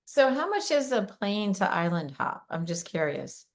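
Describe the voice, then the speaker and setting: A woman from Maryland hosting a casual podcast interview, chatty and animated as she tells stories. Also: mid-range voice, moderate pace. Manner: chatty, animated storyteller who breaks into laughter. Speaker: podcast host, realtor.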